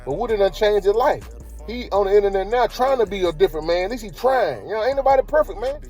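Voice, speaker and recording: A man's voice: high voice, expressive, fast talker, darkish tone, soft background music. A man hosting a casual commentary vlog, talking in slang and throwing rhetorical questions at his viewers. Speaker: commentary channel host.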